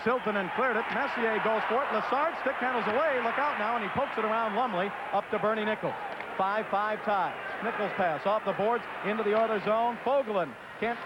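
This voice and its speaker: High-voiced man calling live hockey. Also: brisk. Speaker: ice hockey play-by-play announcer. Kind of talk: live sports commentary. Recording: muffled vintage broadcast, loud arena crowd noise. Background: noisy hockey arena crowd.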